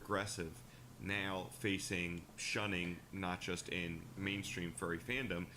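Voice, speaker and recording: A man giving steady, scripted documentary narration about a fan community's history, played back from a video. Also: low voice, slow pace, slight background noise. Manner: steady, informative storytelling.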